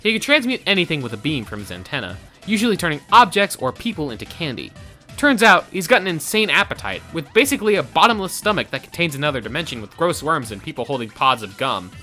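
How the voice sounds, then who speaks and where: A man co-hosting a versus show reads its scripted narration with dramatic, theatrical flair. His fairly high voice is sharp and sing-song, moving at a quick pace over faint background music.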